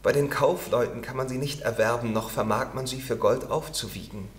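A man's voice: mid-range voice, fairly quick, roomy sound, close to an everyday voice. A man voicing a tender, longing female nightingale in a storybook reading, lyrical and earnest. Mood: wondering.

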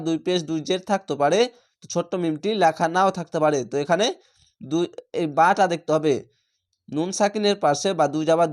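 Man teaching slow spelled-out Quran reading. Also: fairly high pitch. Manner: spells letters slowly, then chants the words drawn out. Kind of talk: spelling-out recitation lesson.

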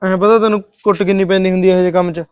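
A weary young husband with a Punjabi accent, defensive and grumbling, as an actor plays him. He talks fast in a high, clear voice, recorded dry. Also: flat delivery, no echo, lightly acted. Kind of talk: short-film drama acting.

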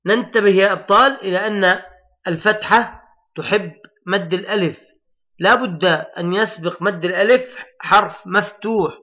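A male primary school teacher gives a recorded reading lesson for young children. His voice sits high and rings bright, and he draws out each letter sound patiently and with emphasis. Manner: addresses pupils as heroes, patient and encouraging.

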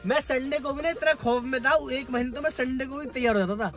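A young man with a high voice chats like a vlogger recounting boyhood pranks, animated and quick to laugh. He keeps turning to his listeners as brothers. A soft bed of music plays behind him. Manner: lively, chatty, often laughing, calls listeners "bhai". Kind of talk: casual storytelling to viewers.

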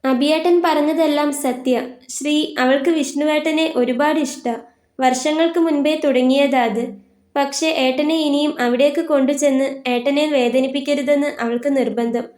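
A woman's voice: high voice, steady tone, normal speed, a little mellow, close to an everyday voice. A woman voicing a caring young woman friend who speaks earnestly and coaxingly, in a roomy recording. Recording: roomy echo.

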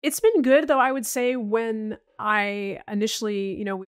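A woman's voice: mid-range voice, steady tone, a little slow, clear, resonant tone, no echo. Chatty woman in a dry interview. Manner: chatty, many restarts and "you know"s. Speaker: podcast executive guest. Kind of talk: casual interview chat.

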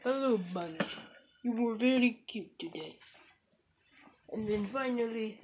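A woman's voice: on the high side, animated, measured pace, highs cut off, background noise. A woman hosting a casual gaming vlog, talking in an offhand, jokey way and calling her viewers comrades in a mock Russian voice. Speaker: gaming channel host.

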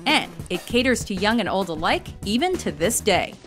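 Lively woman narrator over music. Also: mid-range voice, moderate pace. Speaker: narrator of a film countdown. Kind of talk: scripted narration.

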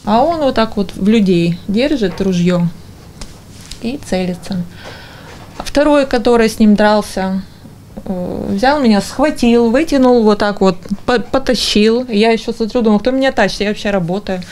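Halting woman in her forties, medium pitch. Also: darkish tone, a little hiss or hum. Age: 40s. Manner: halting, broken phrases. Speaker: injured interviewee. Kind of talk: informal interview account. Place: small indoor kitchen. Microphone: handheld or stand TV microphone before her.

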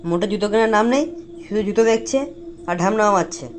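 A man's voice: high-pitched, fairly even intonation, quick pace, a little hiss or hum. A man voicing brash, slangy comic cartoon dialogue. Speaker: voice actor for many cartoon figures.

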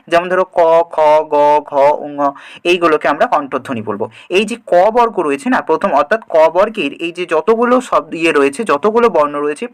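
A man with a fairly high voice teaches a grammar lesson at a quick pace. He keeps asking rhetorical questions and answers each one himself, then goes back over the key definitions. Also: fairly bright tone. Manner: repeats key definitions slowly. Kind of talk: grammar lesson for exam students.

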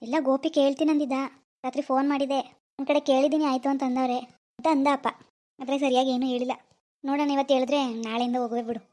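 A woman voicing an easygoing young village husband in a cartoon, talking fast and chatty. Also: high voice, level tone, darkish tone, lightly acted. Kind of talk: cartoon voice acting.

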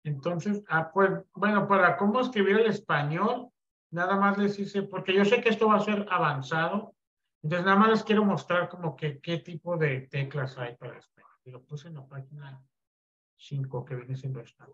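Man, online computer class, fairly high voice, dull video call sound. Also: normal speed. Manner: relaxed, many fillers and restarts, asks the class questions.

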